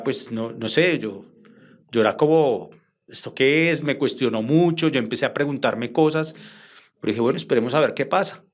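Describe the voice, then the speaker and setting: A Colombian journalist with a Colombian Spanish accent tells his interviewer about a strange episode, speaking at a mid pitch. He's animated throughout, acting out every quoted line of the conversation as the story unfolds.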